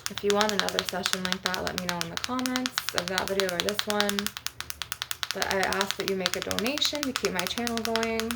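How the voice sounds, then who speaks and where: A woman hosts an ASMR video in a mid-range voice with vocal fry, talking a little fast. She rambles conversationally with asides between bouts of tapping. The recording is very noisy, with clicks and tapping on glass and objects.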